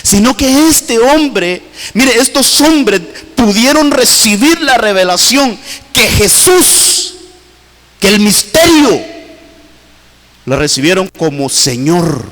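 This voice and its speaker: Pastor, male, high fervent preaching voice, long church reverb. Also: sing-song, slow, a bit bright. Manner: fervent preaching with sweeping pitch swings, repeatedly addressing "hermano". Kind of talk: sermon. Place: church hall.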